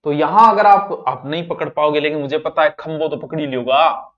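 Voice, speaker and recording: A male teacher with a Rajasthani accent giving an exam-prep grammar lesson, talking straight to his students and swinging between loud and soft. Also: on the high side, steady tone, fairly quick. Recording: dull lo-fi online class audio.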